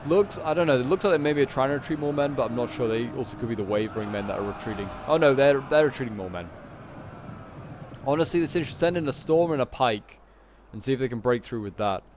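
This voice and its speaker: A man giving casual, animated live commentary on a strategy game battle in colloquial speech. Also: mid-range voice, fast, background noise. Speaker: gameplay commentator.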